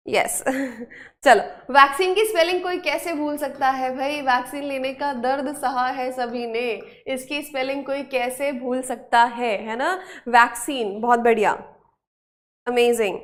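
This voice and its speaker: Indian woman teacher, high voice, quick and cheery, keeps saying hurry up, very good. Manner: brisk, praising, urging students to hurry. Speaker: English spelling teacher. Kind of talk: live online class, quizzing students.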